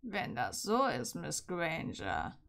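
A woman reading aloud and voicing a cold, mocking male teacher in a slow, lowered voice. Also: huge pitch swings, vocal fry, a bit bright, exaggerated voice. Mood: menacing. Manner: slow, low, sneering.

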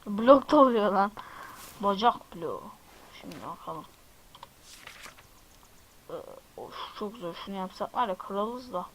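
A man's voice: high voice, animated, unhurried, long pauses, a bit bright, slight background noise, rough recording. A man casually commenting while playing a game, talking to his viewers and exclaiming whenever something startles him. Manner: chatty, jumpy, exclaims at surprises and addresses viewers. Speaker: gaming video host. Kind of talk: casual let's-play commentary.

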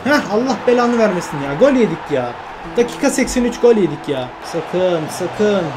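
A man commenting on his own football video game career, getting worked up and yelling at his teammates when plays go wrong. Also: sits high, moderate pace, over music. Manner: excitable, shouts at his teammates, groans when things go wrong. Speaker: gaming YouTuber.

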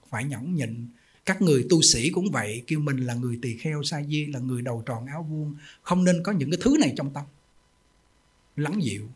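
Husky monk preaching. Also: male voice, on the high side. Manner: emphatic, folksy storytelling with rhetorical questions. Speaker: Buddhist monk. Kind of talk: sermon.

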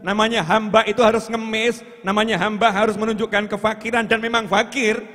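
A man preaches a sermon, chanting lines of devotional poetry in between. He swings from loud cries down to hushed, low asides. His voice rings out with a long echo through a large hall. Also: flat delivery, fairly quick.

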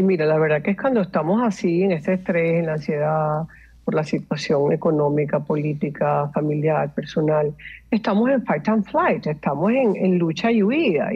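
A woman, a meditation coach explaining calmly and instructively, mixing in English words. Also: deep voice, normal speed, husky, lo-fi sound. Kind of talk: explanatory interview talk.

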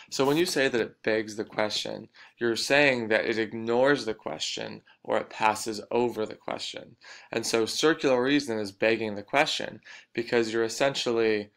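Gravelly-voiced man explaining a lesson. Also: lowish voice, a bit bright. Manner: explanatory, repeats key points. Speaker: teacher. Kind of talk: recorded lecture.

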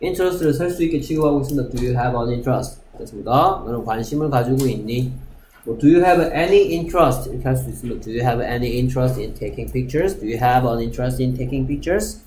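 A man teaching English grammar to a class, talking briskly, checking often that students follow and reading English example sentences slowly. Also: mid-range voice, darkish tone, echoey room, a little hiss or hum, poor audio.

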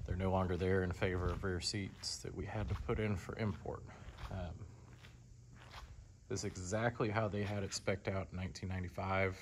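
A man giving a relaxed, conversational walkaround of a car in a large indoor showroom, speaking from behind the camera. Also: sits low, a little hiss or hum. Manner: relaxed, conversational, lots of fillers. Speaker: car dealer. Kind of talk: casual walkaround sales tour.

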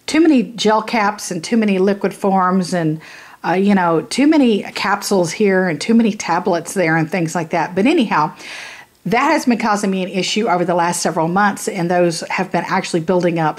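Indoors, a YouTube beauty vlogger films a supplement close up and rambles casually to camera about it, full of fillers and "you know what I mean." Sinus trouble leaves her lowish voice hoarse and raspy.

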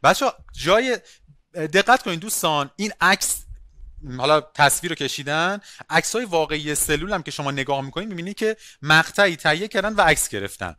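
A male biology teacher giving an online class, lively, asking questions and calling on students by name. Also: fairly high pitch, no echo, studio quality.

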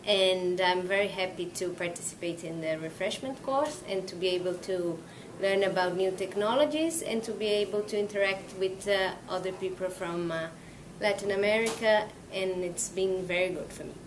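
A woman from Brazil giving a friendly, steady testimonial to camera. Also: mid-range voice, moderate pace, noisy background. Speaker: course participant.

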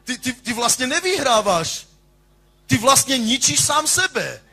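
A male pastor preaching a sermon with passion, moving from sung, shouted lines to quiet asides. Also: very high-pitched, big pitch swings, slightly rough.

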